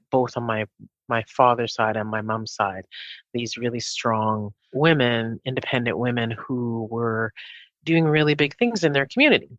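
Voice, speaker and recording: A middle-aged woman from Jamaica, raised in Canada. She is a guest in an interview and talks in a chatty, animated way, with quick restarts. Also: a bass voice, no room sound. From Jamaica, raised in Winnipeg, Canada. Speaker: guest, executive director of a health clinic. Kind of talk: casual interview talk. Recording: dull, muffled sound.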